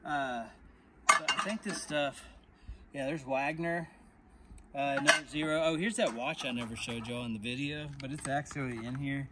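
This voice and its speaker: In a medium-pitched, steady voice at normal speed, a Texan reseller vlogger casually narrates while going through an outdoor storage unit and then sitting in a truck. He's chatty, calls his viewers y'all, and faint background noise can be heard.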